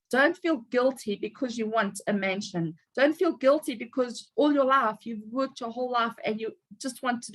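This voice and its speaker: Upbeat, preachy woman in her fifties, a slightly high voice, motivating a team over a video call. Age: 50s. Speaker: team leader in an online group call. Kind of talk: motivational talk on a group call.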